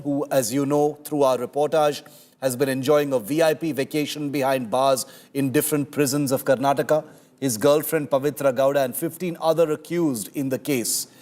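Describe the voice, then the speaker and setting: A man's voice: on the high side, moderate pace, darkish tone. A man with an Indian accent presenting the news emphatically and sensationally, drawing out key words. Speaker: news anchor. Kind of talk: dramatic scripted news presenting.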